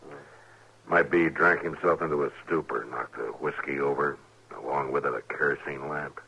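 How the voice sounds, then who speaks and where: A man with an American accent playing a stern, patient frontier marshal in an old-time radio drama, speaking in terse, measured, commanding lines. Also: very deep voice, fairly even intonation, creaky, sharp tone, breathy edge, highs cut off, heavily acted. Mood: pondering, somber. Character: stern, steady western US marshal, grave and patient. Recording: noisy vintage radio recording.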